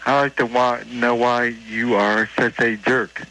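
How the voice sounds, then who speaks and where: A man's voice: medium pitch, flat delivery, measured pace, sharp tone, a little hiss or hum, poor audio. A man calling in to a radio show over the phone, blunt and insulting, cutting in on the host. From Delaware.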